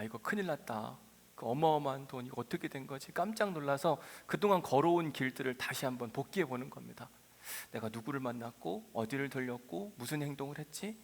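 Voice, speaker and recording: A male pastor preaching a sermon in a church sanctuary as animated storytelling. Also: mid-range voice. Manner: animated storytelling, acting out quotes. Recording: reverberant church hall.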